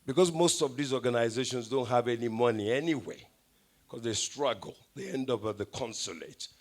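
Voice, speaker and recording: A man's voice: mid-range voice, a little fast. A man from Nigeria giving a wry, anecdote-filled public speech at an event. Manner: anecdotal, wry, switches into Pidgin asides. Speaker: event speaker. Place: event hall.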